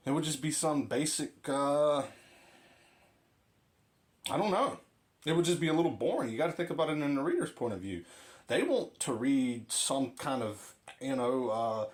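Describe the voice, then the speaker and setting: Animated man arguing with himself. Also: medium pitch. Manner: opinionated, argumentative. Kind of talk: comic monologue, arguing with himself.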